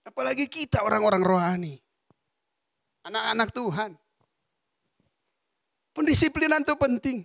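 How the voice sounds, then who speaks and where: Male pastor, high lively gravelly voice, dry sound, animated sermon storyteller. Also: moderate pace, pauses often, dry recording. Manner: animated storytelling preacher, laughing often.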